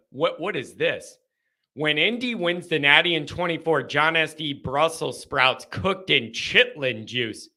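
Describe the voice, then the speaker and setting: A young man hosting a live sports call-in stream, ranting casually with animated, exasperated mock outrage. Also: high voice. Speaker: host of a sports call-in show.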